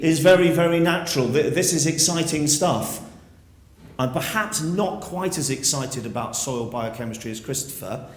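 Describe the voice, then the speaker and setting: A man, a school headmaster, giving an earnest, persuasive speech to pupils at an assembly, using rhetorical questions. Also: a little high. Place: school hall. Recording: echoey hall.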